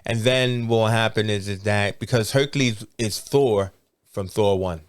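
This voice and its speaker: A man co-hosting a casual movie review chat, animated and jokey, often slipping into mock voices. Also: on the low side, moderate pace, clean tone, dry recording, clean studio sound. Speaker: podcast co-host.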